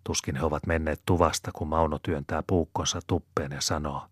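A man narrates an audiobook in a calm, measured way. His voice is very deep and low, recorded close and dry with no room sound. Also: husky, no echo. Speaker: audiobook reader.

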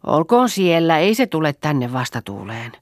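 A woman's voice: sits low, very animated, dry recording, studio quality. Woman reading Sanna, a matter-of-fact peasant girl.

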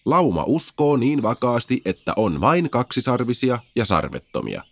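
A man voicing a wise, well-travelled male owl, calm and matter-of-fact. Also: medium pitch, dry recording. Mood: calm advice.

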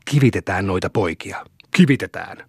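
A man's voice: deep voice, animated, vocal fry, breathy edge, no room sound, studio quality, voice pushed down, heavily acted. A man voicing a boastful, rowdy young village boy who brags and hurls taunts. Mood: taunting. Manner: bragging, taunting shouts.

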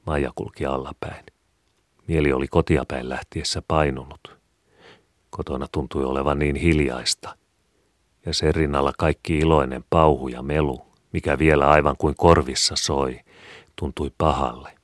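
A man reading a story aloud in a calm, measured way. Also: a bass voice, no echo, studio quality. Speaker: story reader. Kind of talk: storybook narration.

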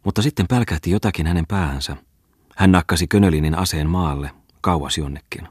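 Deep, husky male audiobook narrator. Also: no room sound, studio quality. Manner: measured, even reading. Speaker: audiobook reader.

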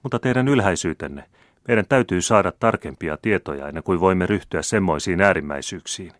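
A man's voice: low voice, no echo, studio quality, lightly acted. A man reading an audiobook, voicing a serious young nobleman who speaks earnestly. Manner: earnest, pleading.

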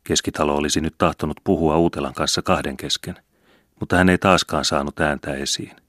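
A man narrates an audiobook in a very deep voice. His measured, even storytelling is recorded close and dry. The sound has no room to it. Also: dry recording. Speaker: audiobook reader.

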